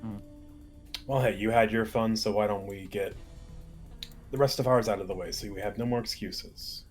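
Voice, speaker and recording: A man's voice: on the low side, steady tone, normal speed, faint music behind. A man playing in a tabletop game, speaking casually in and out of character. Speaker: player. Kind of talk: tabletop role-play chat.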